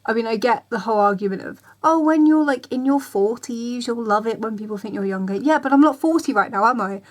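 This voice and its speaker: Brisk and fairly high-pitched, a vlogger in her 20s delivers a casual rant straight to the camera. She chatters on, rambles, repeats herself and mimics the reactions of others.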